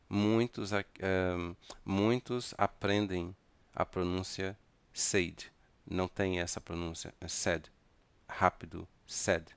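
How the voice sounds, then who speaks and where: Man, Brazilian Portuguese accent, teacher, slow deliberate delivery, crisp voice. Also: deep voice, no echo. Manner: slow, deliberate, spells words out letter by letter. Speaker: English teacher. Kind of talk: classroom grammar lesson.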